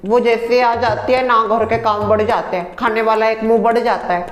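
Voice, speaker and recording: A man's voice: high-pitched, little pitch movement, moderate pace, roomy sound, dull audio, faint music behind, lightly acted. A man doing a boastful, chatty housewife. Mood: bragging. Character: bragging housewife, daughter-in-law obsessed with 'branded'.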